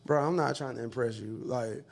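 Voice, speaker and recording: A man's voice: mid-range voice, a little fast, vocal fry. A man, chatting casually and laid-back with plenty of slang and swearing. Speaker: podcast panelist. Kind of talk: casual chat.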